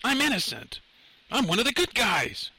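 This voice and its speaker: A man doing a panicky young hitchhiker, shaky and high. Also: huge pitch swings, moderate pace, creaky, bright, forceful tone, breathy edge, no room sound, full character voice. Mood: panicked. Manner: high, strained and trembling.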